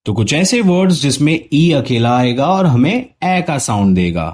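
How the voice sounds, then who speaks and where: A man's voice: medium pitch, very animated, moderate pace, darkish tone. A man teaching English pronunciation in Hindi, reading out practice words one at a time. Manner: reads word lists one word at a time. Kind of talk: pronunciation lesson.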